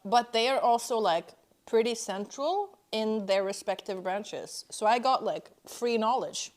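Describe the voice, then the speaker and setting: A chatty Norwegian woman, whose first language is Norwegian, speaks unhurriedly in a slightly high voice. As a streamer, she chats casually while eating on stream, talking between bites and reading out the chat.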